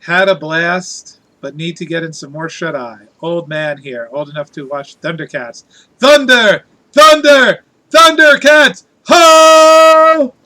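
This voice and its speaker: A man's voice: on the high side, steady tone, moderate pace, hardly any pauses, pushed and bright, no echo. A man chatting casually as a live streamer, reading out viewer comments in a playful, jokey, theatrical way.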